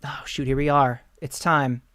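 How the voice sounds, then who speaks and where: A man giving excitable, rambling live commentary while streaming a video game. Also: medium pitch, normal speed, clear, resonant tone, no echo. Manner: excitable, rambling, exclaims often.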